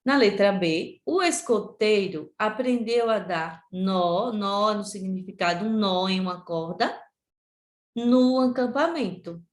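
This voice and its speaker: A woman teacher from Sergipe in Brazil speaks in a slow, deliberate way to young pupils, repeating words so they can follow. Her voice sits at a middle pitch and carries a noticeable room echo. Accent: Sergipe Brazilian Portuguese. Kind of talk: remote class lesson.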